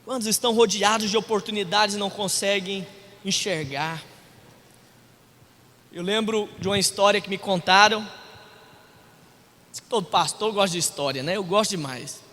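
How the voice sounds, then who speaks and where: A very high, bright male voice preaches in a church hall, the long reverb trailing each phrase. He tells stories by acting out both sides of a conversation, then climbs into shouted exhortations. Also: normal speed, long pauses. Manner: acts out dialogue in storytelling, rising to shouts. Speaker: pastor. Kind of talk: sermon.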